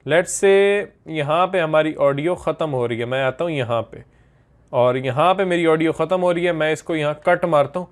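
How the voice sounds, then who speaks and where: A man with a slightly high voice walks viewers through editing software step by step. He talks in a casual teaching manner and drops English terms into his explanations as he clicks around. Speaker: video editing instructor. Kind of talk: screen-recorded software tutorial.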